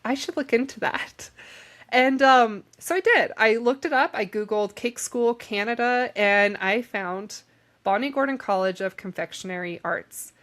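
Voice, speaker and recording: A woman's voice: a little high, measured pace, fairly bright tone. A young woman hosting a podcast, candidly telling a personal story in a rambling, emotional way. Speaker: podcast host.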